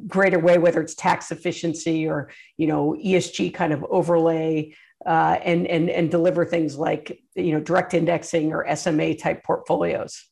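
Creaky-voiced woman answering interview questions. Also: low-pitched, little pitch movement, moderate pace, darkish tone. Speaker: interview guest, investment executive.

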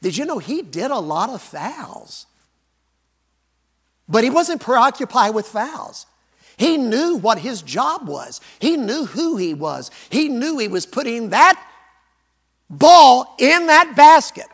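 A middle-aged male pastor preaching a sermon with animated, folksy stories. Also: very high voice, slow, breathy edge. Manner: animated, folksy storytelling, acts out voices.

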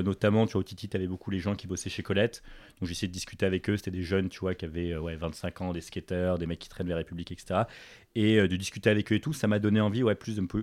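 Un jeune homme de Paris, invité d'un podcast, qui raconte son parcours sur un ton détendu, avec beaucoup d'hésitations et de reprises. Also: male voice, sits low, no room sound. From Paris, France. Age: young adult. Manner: relaxed, full of fillers and restarts. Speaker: podcast guest, entrepreneur. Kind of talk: casual interview chat.

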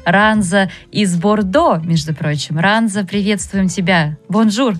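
A woman's voice: medium pitch, measured pace, faint music behind. A woman speaking as a podcast host in a conversational style.

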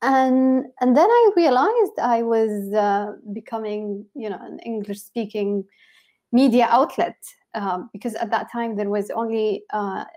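A woman from Yemen, a blogger and journalist, telling her story in an animated interview with many restarts. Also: a little high, measured pace. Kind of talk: conversational interview.

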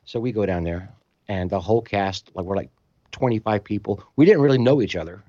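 A man telling a story in casual conversation, animated and acting out other people's voices, in a slightly muffled recording. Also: lowish voice, fairly quick, no echo. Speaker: storytelling guest musician.

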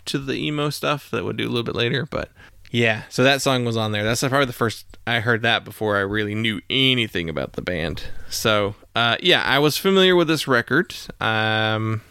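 A man hosting a podcast who talks in a relaxed, rambling way, laughing easily while chatting about music. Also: mid-range voice, a little fast, creaky, clear, resonant tone, no echo, studio quality. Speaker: podcast host. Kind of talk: casual chat.

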